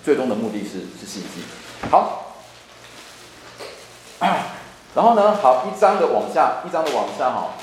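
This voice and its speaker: A man's voice: mid-range voice, big pitch swings, unhurried, long pauses. A man teaching a church Bible class, repeating and restarting phrases as he explains. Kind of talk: Bible study lecture. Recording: echoey room, faint hum.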